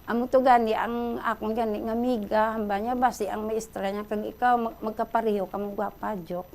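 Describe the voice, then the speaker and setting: A middle-aged Filipina with a Hiligaynon accent, calling in to a radio show and excitedly retelling a story. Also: female voice, fairly high pitch, fairly quick. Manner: excited, breathless retelling, addresses host often. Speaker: caller.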